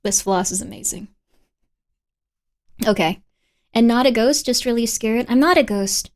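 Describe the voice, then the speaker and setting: A woman chatting casually on a livestream in a playful, cute anime-streamer manner, animated and repeating phrases for emphasis. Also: on the high side, a little slow. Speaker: VTuber livestreamer.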